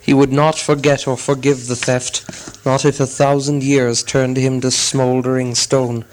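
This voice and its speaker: Male narrator, audiobook storytelling, measured and expressive, mid-pitched voice. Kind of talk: scripted narration.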